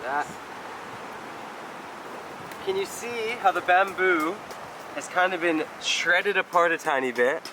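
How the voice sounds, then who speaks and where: A man's voice: high-pitched, slow, pauses often. Easygoing man vlogging at a noisy site. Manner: joking, easygoing, laughs often. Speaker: vlog host. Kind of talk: casual vlog chat and narration. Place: outdoor rural building site. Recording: noisy outdoor ambience.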